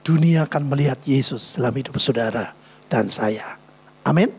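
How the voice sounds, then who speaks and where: A man's voice: mid-range voice, normal speed, breathy edge. A man preaching a sermon as pastor, telling stories and acting out conversations. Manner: storytelling, often addressing listeners as saudara, acting out quoted dialogue. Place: church. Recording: faint mains hum.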